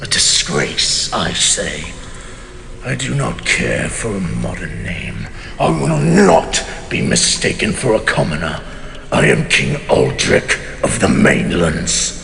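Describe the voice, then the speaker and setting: A man's voice: on the low side, wildly swooping pitch, slow pace, creaky, a bit bright, heavily acted. A man playing a haughty, betrayed immortal king in a fantasy audio drama, pompous and sardonic in formal archaic speech. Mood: indignant, outraged. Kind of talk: dramatic audio roleplay monologue. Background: music.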